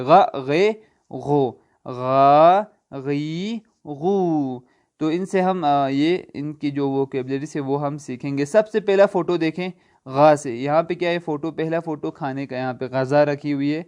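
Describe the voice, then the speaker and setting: A man teaching an online language lesson, asking quiz questions and answering them himself, slowly spelling out letters. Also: mid-range voice, a little mellow, clean tone. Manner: slow spelled-out letter names.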